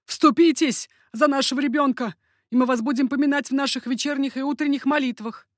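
Old moneylender, pleading, lowered voice, a woman narrator doing him, dry sound. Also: normal speed, no echo, lightly acted. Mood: imploring. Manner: pleading, humble. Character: old male Paris moneylender, begging father.

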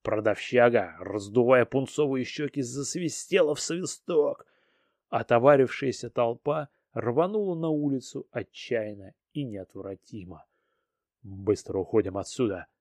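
A man reads a story aloud with dramatic expression, his voice mellow and dark. The sound is close and dry, with no room around it. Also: mid-range voice, lively intonation, measured pace, no room sound. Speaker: narrator. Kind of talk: audiobook narration.

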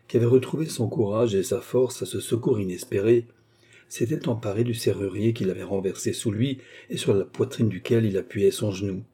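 Low husky male audiobook narrator. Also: dark tone. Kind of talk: reading a classic novel aloud.

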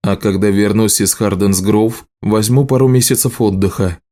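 Steady calm husband in a storybook, read by a guy, dark mellow voice. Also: lowish voice, normal speed, natural voice. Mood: firm. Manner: calm, firm. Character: firm, steady adult husband, a messenger.

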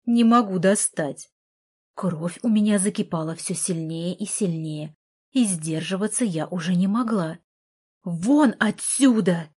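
A woman narrating a romance audiobook in the first person. Her voice sits low and husky, and she reads with clear expression. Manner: expressive reading, voicing the heroine with passion.

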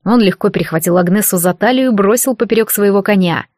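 A woman narrating a fantasy novel in a measured, even storytelling manner, recorded on a close microphone. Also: mid-range voice, no echo. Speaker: audiobook narrator.

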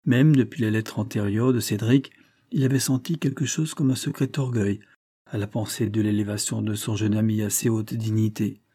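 Male narrator for a classic storybook; even, measured, husky voice. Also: mid-range voice. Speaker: audiobook narrator.

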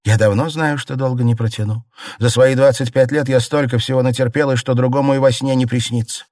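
An imperious young noblewoman with a cutting tongue, put on by a male reader. Her voice sits high above his own and comes out forceful and scolding. The recording is dry and close, with no room sound. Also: steady tone, a little fast, no room sound, lightly acted. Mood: bitter. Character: proud sharp-tongued young noblewoman, mistress of house.

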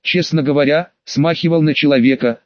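Male audiobook narrator, fairly high voice, steady delivery, dry lo-fi recording. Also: a little fast, dry recording. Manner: steady first-person storytelling. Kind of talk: scripted narration. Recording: dry, slightly dull lo-fi.

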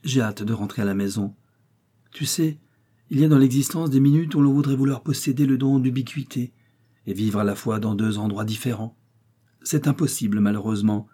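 A man's voice: mid-range voice, brisk, mellow, breathy edge, natural voice. A man reading aloud and voicing an anxious, devoted young woman student who speaks in urgent, fretful pleas. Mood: worried.

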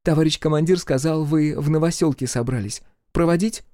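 A man voicing a cheeky, lively young woman partisan scout in an audiobook, raising his voice high and eager. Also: brisk, dry recording, clean studio sound, lightly acted. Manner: eager, teasing, high-pitched.

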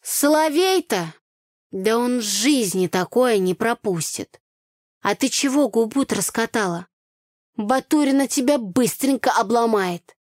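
A woman's voice: fairly high pitch, expressive, measured pace, a little mellow, no room sound, clean studio sound, pitched above the performer's own voice. A woman voicing a brash, blunt young party girl in a storybook reading.

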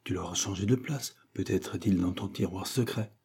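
A man voicing a calm, reassuring Quaker clerk in an audiobook. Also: low voice, moderate pace, husky, heavily acted. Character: calm male Quaker clerk, steady and soothing.

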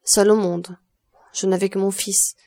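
A woman's voice: medium pitch, level tone, moderate pace, mellow, lightly acted. A woman reading the part of a grieving woman near forty who speaks in sorrowful, self-accusing pleas. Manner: sorrowful, pleading. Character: grieving woman of thirty-nine, broken by guilt.

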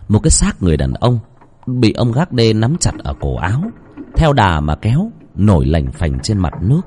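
A man narrating a ghost story with dramatic, expressive delivery. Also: on the low side, a little hiss or hum.

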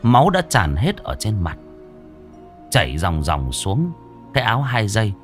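Man, horror story narration, theatrical and gory, very lively intonation, faint music. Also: on the low side, moderate pace. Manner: vivid, gory, theatrical delivery.

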